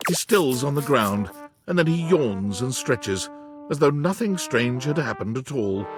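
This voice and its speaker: A man giving scripted narration in a video game, soft and storytelling. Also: mid-range voice, expressive, a little slow, music in the background, close to an everyday voice.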